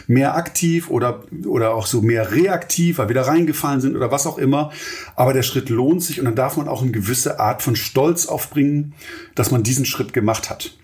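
A man's voice: medium pitch, darkish tone. Earnest German podcaster man. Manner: earnest, motivational, addresses listeners directly. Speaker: podcast host, entrepreneur. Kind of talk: solo podcast monologue.

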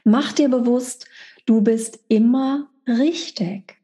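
A woman's voice: a little high, slow, mellow. A middle-aged woman giving a monthly spiritual energy forecast, speaking directly and emphatically to the listener as a coach.

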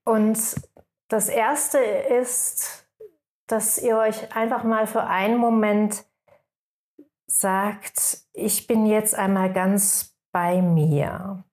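Slow, soothing woman guiding meditation. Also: medium pitch, level tone. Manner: slow, soothing, drifting into soft whispers. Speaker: meditation guide. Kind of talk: guided meditation.

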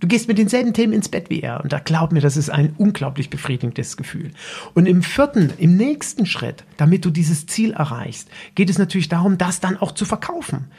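A man speaks as a business coach on his own podcast, his voice gravelly with a husky, slightly rough edge. He talks straight to the listener in a direct, instructive way, loose and unscripted, with restarts along the way. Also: high voice, big pitch swings, fairly quick, a little mellow.

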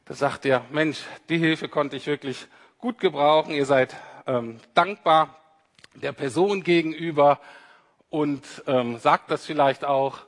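A man's voice: fairly high pitch, a little slow. Man preaching in a reverberant hall. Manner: conversational, addresses listeners directly, acts out quoted speech. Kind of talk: sermon. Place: church hall.

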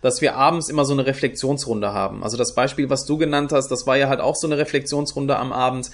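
A man's voice: mid-range voice, steady tone, quick pace. A young adult man from Germany answering interview questions in a thoughtful way, with many fillers and restarts. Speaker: guest, youth project leader.

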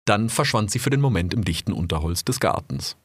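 Male narrator for an audio drama, lowish voice, dry close recording, calm and measured. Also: slightly rough, dry recording. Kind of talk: scripted story narration.

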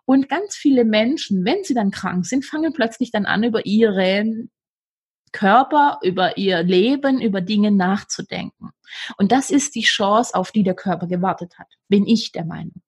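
Husky-voiced woman hosting a self-help podcast. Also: medium pitch, normal speed. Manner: earnest, speaks directly to the listener. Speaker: podcast host. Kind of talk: motivational self-help monologue.

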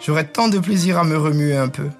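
Man doing a curious newborn snowman, raised voice, gentle and puzzled, storybook. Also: fairly high pitch, a little fast, faint music behind, close to an everyday voice. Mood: wistful. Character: naive newborn male snowman, curious and wondering.

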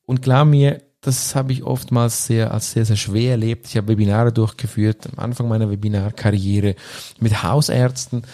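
A man's voice: lowish voice, steady tone, normal speed, dark tone. A man hosting a coaching podcast, talking straight to the listener in an earnest, emphatic way. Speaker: podcast host and lecturer.

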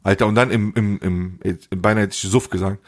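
A young man co-hosting a podcast, telling stories in animated casual chat with lots of street slang. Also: lowish voice, brisk. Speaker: podcast co-host.

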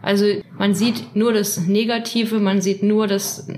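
A woman of twenty-four from Trier, a self-help group leader, speaking hesitantly with many pauses and fillers. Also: mid-range voice, flat delivery, darkish tone, a little hiss or hum. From Trier, Germany. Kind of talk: interview answers.

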